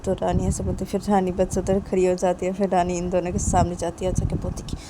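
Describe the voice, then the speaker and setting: A woman's voice: on the low side, monotone, brisk, background noise. A woman narrating a homemade serial love story in a plain, repetitive way.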